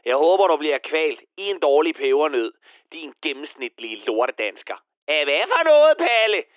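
A bitter middle-aged misanthrope spits out a crude, venomous rant in a high, strained voice. His voice is smooth and carries well. The sound is close and dry, with a slightly dull radio tone. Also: very animated, no echo. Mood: sneering rant. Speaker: comedy character. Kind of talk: satirical radio monologue.

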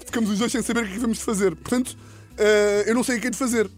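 A man with a European Portuguese accent, telling a comic story as a podcast host, animated and laughing often. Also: rapid-fire, faint music behind. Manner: animated, laughs often, slips into high-pitched impressions. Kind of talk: comedic storytelling.

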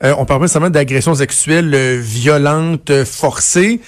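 A man's voice: a little high, a little fast. Quebec man hosting a news interview. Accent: Quebec French. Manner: conversational, many fillers and restarts while framing questions. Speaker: radio host.

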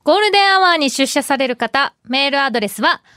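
A woman's voice: high-pitched, expressive, fast, bright, forceful tone, dry recording, clean studio sound. A young woman co-hosting a radio show, bubbly and giggly in casual chat. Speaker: radio co-host.

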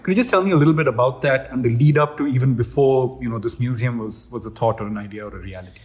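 A man's voice: mid-range voice, fast. A man, a journalist, asking interview questions and repeating words as he frames them. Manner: rambling, repeats words while framing questions.

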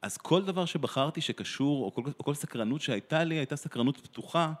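A man's voice: fairly high pitch, lively intonation. A man from Israel, a translator and theatre director, talking thoughtfully in an interview, often restarting his sentences. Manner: thoughtful, with many restarts and pauses. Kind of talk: reflective interview conversation.

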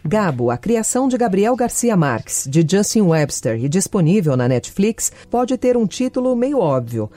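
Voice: medium pitch, mellow. A presenter with a Brazilian accent reading a scripted culture report. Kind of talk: scripted narration.

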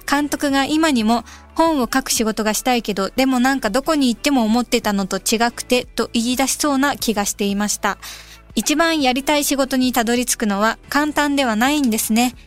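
A young adult woman from Kansai hosting a radio show, reading listener mail and musing aloud in a relaxed, casual way. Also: high voice. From Kansai, Japan. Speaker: radio host. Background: soft background music.

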